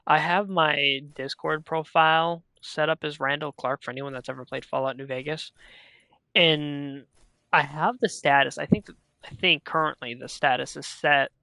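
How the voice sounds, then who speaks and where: A man's voice: on the high side, fairly even intonation, moderate pace, gravelly, bright, forceful tone, no room sound, studio quality. A man streaming a video game, chatting casually and rambling as he thinks aloud and interrupts himself.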